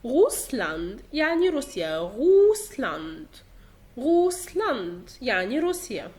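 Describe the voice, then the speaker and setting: Young Egyptian-accented woman, a bright, high, lively teacher who repeats words slowly and patiently. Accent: Egyptian Arabic. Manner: patient, repeats each example word slowly. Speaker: German pronunciation teacher. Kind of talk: explanatory lesson in Egyptian Arabic.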